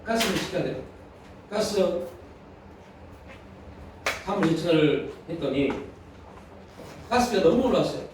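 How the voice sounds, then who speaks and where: Male pastor, high voice, earnest sermon, picked up from a distance in a booming sanctuary. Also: lively intonation, unhurried, pauses often, background noise. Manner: earnest, telling a personal story. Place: church sanctuary. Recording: echoey hall from far off.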